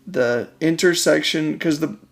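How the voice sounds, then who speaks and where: A man's voice: a little high, unhurried, gravelly. A man co-hosting a casual podcast, bantering and explaining games in an informal, offhand way. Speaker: podcast co-host.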